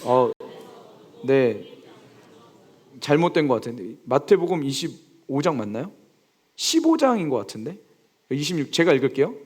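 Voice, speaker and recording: A man's voice: moderate pace, pauses often, breathy edge. A young man preaching a sermon as pastor, asking his listeners questions and acting out the people in his story. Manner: lively preaching, asks the congregation questions; acts out quoted speech with big swings in pitch.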